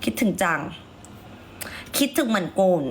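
A hoarse woman with a raspy voice, chatting playfully and coaxing viewers while selling on a livestream. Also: moderate pace, slight background noise. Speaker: livestream seller. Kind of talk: casual livestream chat.

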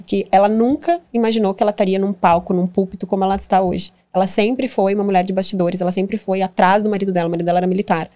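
Uma mulher brasileira, convidada de podcast, refletindo em tom encorajador numa conversa. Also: female voice, medium pitch, mellow. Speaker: podcast co-guest. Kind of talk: conversational interview.

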